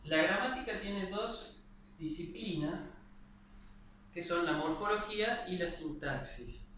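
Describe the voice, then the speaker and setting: A man's voice: high voice, slow pace, pushed and bright. Man lecturing in a very echoey room. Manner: explanatory, with frequent "¿sí?" checks and restarts. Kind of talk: spoken grammar lesson. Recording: very echoey, distant mic, faint noise.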